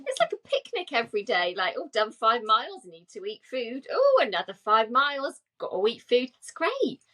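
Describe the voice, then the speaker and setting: This English podcast co-host, a woman in her forties, speaks at a moderate pace in a slightly high, fairly bright voice with huge swings in pitch. Her talk on the casual chat show is chatty, full of fillers and punctuated by frequent laughs.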